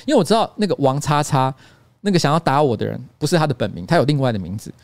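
A man in his thirties with a Taiwanese Mandarin accent, hosting a radio-style livestream as an animated, self-mocking storyteller. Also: on the high side, very fast, no room sound. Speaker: host.

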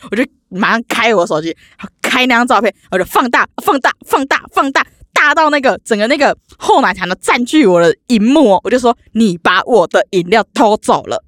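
A woman's voice: fairly high pitch, brisk, hardly any pauses, dry recording, clean studio sound. A young woman telling a story in a vlog, acting out the dialogue as she goes. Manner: animated, acts out quoted dialogue. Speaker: vlogger.

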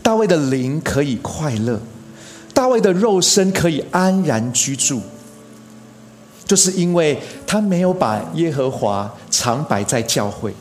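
A man delivering a sermon as a pastor, earnest, stressing phrases by slowing down and lifting his voice. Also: on the high side, very animated, a little mellow. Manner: earnest, preaching with emphatic rises and slow stressed phrases.

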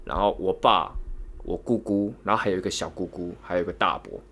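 A young podcast co-host with a Taiwanese Mandarin accent speaks in a low, fairly quick voice. He casually rambles through a long story, repeating words and getting animated as he retells it.

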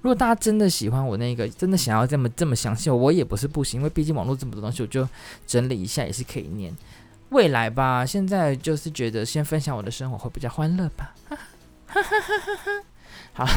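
A man, hosting a podcast and telling casual stories, animated and acting out the voices of the people he quotes. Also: medium pitch. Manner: animated, acts out quoted voices, laughs often. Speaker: podcast host. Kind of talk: casual storytelling monologue.

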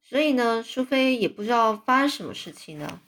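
A woman's voice: a little high, fairly quick. A woman reading a children's book aloud, adding casual explanations and fillers. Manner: animated, adds chatty asides and fillers. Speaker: storyteller. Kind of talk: storybook read-aloud with explanations.

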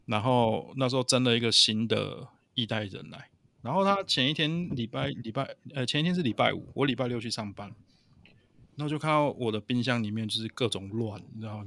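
A man's voice: medium pitch, no room sound. A man chatting on a podcast, animatedly telling a story about a coworker. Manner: animated storyteller who swears when angry. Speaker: podcast co-host. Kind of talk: casual chat, storytelling.

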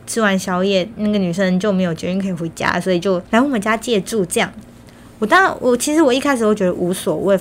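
A young adult vlogger from Kaohsiung, Taiwan, chats casually through personal stories in a mid-range voice with a Taiwanese Mandarin accent. Her braces make her articulation slightly slurred, and there's slight background noise.

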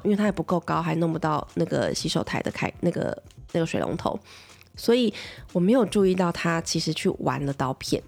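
Gravelly-voiced Taiwanese mom telling stories. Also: female voice, lowish voice. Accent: Taiwanese Mandarin. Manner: chatty, animated, asks listeners for agreement. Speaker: mother; pediatrician. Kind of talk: casual storytelling to viewers.

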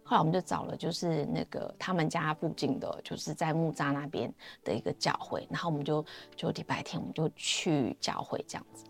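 Gravelly low-voiced Taiwanese Mandarin woman. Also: fairly quick, hardly any pauses, soft background music. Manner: chatty retelling, frequent trailing fillers. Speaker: guest sharing her testimony. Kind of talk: personal faith testimony, storytelling.

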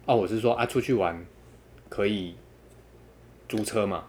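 A man telling a dating story in casual chat, quoting others with animated, laughing delivery. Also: lowish voice, measured pace, slight background noise.

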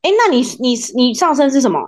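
She is a woman with a Taiwanese accent and a fairly high voice. Her pitch moves in big, animated swings as she chats casually like a podcast host, teasing and expressive. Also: fast. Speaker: podcast host, former radio presenter.

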